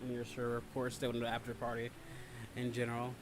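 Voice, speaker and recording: With music behind him and some background noise, a male livestream host talks fast in a monotone, medium-pitched voice. He chats casually with listeners, rambling and sometimes swearing.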